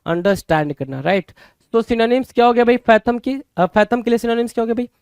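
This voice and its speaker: A man's voice: very high voice, fast talker, creaky, a little mellow, clean tone, no echo. A man teaching English vocabulary for exams in a mix of Hindi and English, repeating each word and asking his students rhetorical questions. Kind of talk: Hindi-English exam prep lecture.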